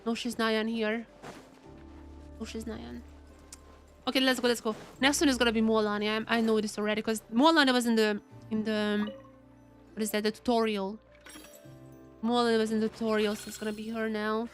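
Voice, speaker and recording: This woman streams games and chats casually with her viewers, her high voice staying fairly flat in pitch. She speaks briskly but pauses often, repeating phrases as she thinks aloud. Faint music plays in the background, and her voice sounds a little worn as she gets over a cold.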